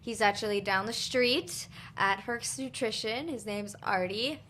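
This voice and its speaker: A woman's voice: mid-range voice, measured pace, a bit bright, a little hiss or hum. A young adult woman hosting a wellness podcast in a bubbly, chatty way, full of "like" and easy laughter. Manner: bubbly, laughs often, says "like" a lot. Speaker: podcast host. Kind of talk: casual podcast chat.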